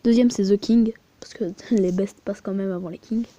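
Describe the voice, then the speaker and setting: Mellow-voiced woman rambling over a game. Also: medium pitch, steady tone, normal speed, dull audio, slight background noise. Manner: crude, rambling, chatty with muttered asides. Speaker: mobile game vlogger. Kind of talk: casual screen-recording commentary.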